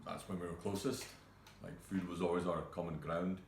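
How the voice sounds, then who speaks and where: Guy acting out a broken young cook, super low voice, stops n restarts a lot, echoey room. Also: fairly even intonation, a little hiss or hum. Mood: subdued. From Scotland. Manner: hesitant, halting, many fillers and restarts. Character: grieving young male cook, halting and raw. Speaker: actor performing a monologue. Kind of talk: self-tape monologue.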